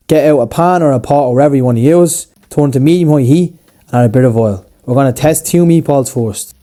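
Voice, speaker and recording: Young Irish lad with a dark voice. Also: male voice, mid-range voice. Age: young adult. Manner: casual, chatty and blunt with local slang. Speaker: cooking channel host. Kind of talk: scripted cooking voice-over.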